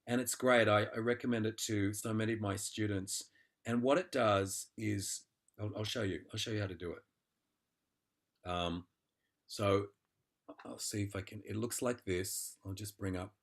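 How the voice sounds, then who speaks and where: A man's voice: on the low side, creaky. A man, an actor and acting teacher, talking through an exercise in a conversational interview and acting out inner thoughts in quotes.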